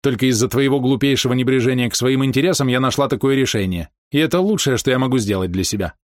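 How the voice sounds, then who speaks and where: A man's voice: medium pitch, fast talker, no echo, studio quality, pitched above the performer's own voice, natural voice. A man reading aloud and voicing a cruel, scheming woman who sneers and gives orders. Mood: contemptuous. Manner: sneering, commanding.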